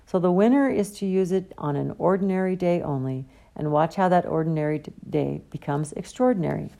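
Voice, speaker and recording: A woman's voice: a little fast, vocal fry, dark tone. A woman playing a jovial pompous old professor. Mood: genial. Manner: genial, theatrical, booming. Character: jovial pompous old male potions teacher.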